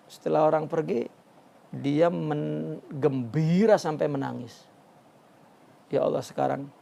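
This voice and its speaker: A man teaching a religious text study, speaking haltingly with many restarts and a filler "ya" between phrases. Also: on the high side, vocal fry, mellow. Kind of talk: Sufi text study lecture.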